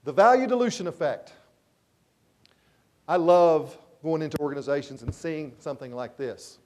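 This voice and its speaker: Animated high-voiced man giving a keynote. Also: moderate pace. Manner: animated, acts out dialogue and repeats key points. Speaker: keynote speaker. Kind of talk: motivational keynote storytelling. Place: conference stage.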